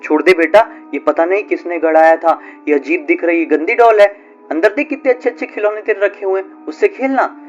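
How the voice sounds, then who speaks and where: A man voicing a gentle, caring young mother who speaks softly and coaxingly in a story. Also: sits high, a little fast, lo-fi sound, soft background music, natural voice. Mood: worried.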